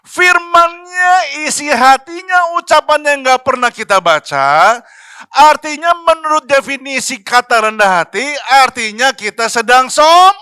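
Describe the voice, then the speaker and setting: A man's voice: extremely high pitch, pushed and bright, clean tone, dry recording, clean studio sound. A man preaching a sermon as pastor, talking in a chatty, slangy way and asking the congregation questions. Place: church.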